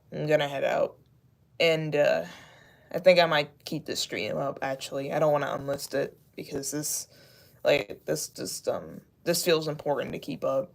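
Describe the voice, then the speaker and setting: A streamer talking candidly and haltingly on a casual livestream, with many fillers and restarts. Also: medium pitch, fairly even intonation, gravelly. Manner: earnest, candid.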